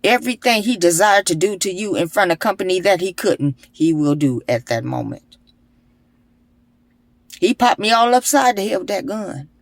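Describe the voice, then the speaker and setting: A woman's voice: medium pitch, brisk, few pauses, no room sound. A young adult woman telling a personal testimony in an emphatic, repetitive way that turns into urgent prayer. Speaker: vlogger sharing a personal testimony. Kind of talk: emotional spoken testimony with prayer.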